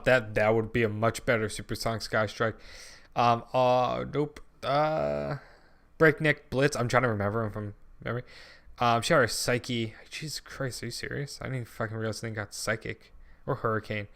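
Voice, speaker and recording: A man's voice: mid-range voice, fairly bright tone, clean tone. A young man in casual gaming commentary, thinking aloud with lots of ums, frequent swearing and restarted sentences. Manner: rambling, drops and restarts sentences. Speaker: channel host.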